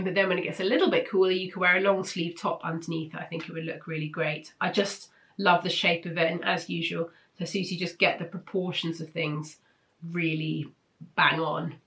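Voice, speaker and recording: A bright, chatty British woman hosts a weekly sewing pattern roundup, chatting casually to camera as she reviews. She has flu and a blocked nose, so her fairly low voice sounds nasal and congested, with little pitch movement at a normal speed. Her manner is informal and enthusiastic.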